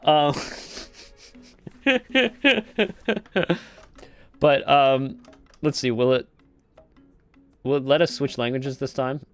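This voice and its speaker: Streaming live as he builds a game, a man jokes with viewers in chat and mumbles quietly through code while debugging, rambling and chuckling. His medium-pitched voice is clean, with drawn-out words and frequent pauses, over faint background music.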